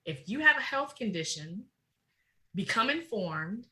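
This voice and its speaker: A woman's voice: medium pitch, big pitch swings, pushed and bright, low-quality recording. A middle-aged woman speaking passionately and emphatically as a guest in a podcast interview. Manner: passionate, emphatic, fast-flowing. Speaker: guest, researcher.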